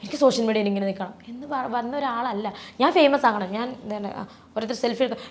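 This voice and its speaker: A woman talking as an interview guest, rambling and restarting, her voice often sinking soft and low with emotion. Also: fast talker. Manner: rambling, many restarts and fillers. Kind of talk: personal interview talk.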